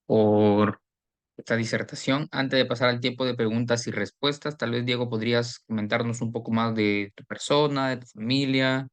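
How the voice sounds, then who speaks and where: A man hosting an online class, thanking the speaker and introducing the organisation in a formal, measured way. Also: medium pitch, a bit bright. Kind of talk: hosting a livestream.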